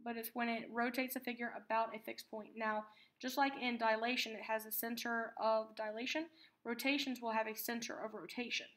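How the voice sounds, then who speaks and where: A woman teaching a math lesson, patiently explaining terms and repeating key words slowly for emphasis. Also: fairly high pitch, level tone, a bit bright.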